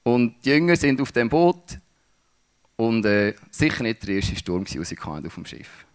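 A man giving a sermon, speaking in a halting way with restarts as he searches for words. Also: medium pitch, sing-song. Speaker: preacher.

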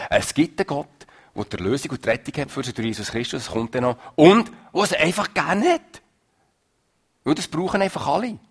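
A man's husky, slightly breathy voice carries a through an energetic sermon. He presses his points hard, then drops down soft. The pitch sits in a middle range. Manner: lively, emphatic, swings from loud to soft. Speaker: preacher.

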